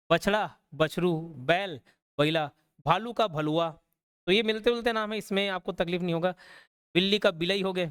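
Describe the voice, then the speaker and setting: Brief: young male online tutor, high and crisp voice, casual and explanatory, keeps checking in with students. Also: fairly bright tone. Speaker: online exam-prep teacher. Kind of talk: live online class lecture.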